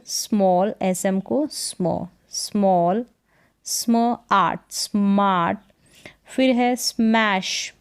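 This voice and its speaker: Slow, clear woman teaching phonics. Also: mid-range voice. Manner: sounds words out syllable by syllable, asks and answers herself. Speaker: English reading teacher.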